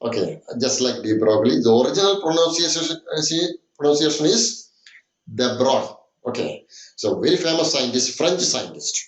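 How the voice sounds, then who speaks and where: A man's voice: on the high side, lively intonation, very slow, roomy sound, rough recording. A man teaching a chemistry lesson with a Malayali accent, switching between English and Malayalam, repeating points with many "okay"s. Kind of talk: classroom lecture.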